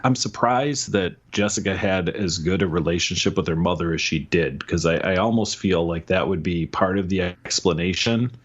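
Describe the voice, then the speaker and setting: Male podcast co-host, deep voice, loose conversational delivery, slightly muffled recording. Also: moderate pace, hardly any pauses, husky. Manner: relaxed, rambling, chuckles often. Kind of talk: casual book review chat.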